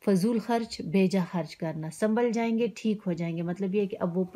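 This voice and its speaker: Mellow-voiced woman teacher explaining a story. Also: medium pitch. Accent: Pakistani Urdu. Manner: reads a line, then glosses words with simple synonyms; keeps asking "ٹھیک ہے نا". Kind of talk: reading a story aloud and explaining it.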